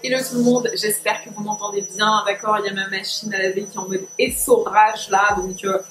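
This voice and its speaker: A woman's voice: mid-range voice, flat delivery. Young woman, hair vlogger, casual home tutorial, roomy echo, faint background noise. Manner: chatty, many filler pauses. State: a little sick. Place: home, washing machine spinning nearby.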